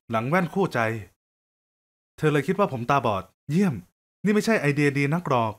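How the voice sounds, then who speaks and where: Upbeat male storyteller with a fairly high voice; casual, joking first-person narration. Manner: lively, joking, conversational.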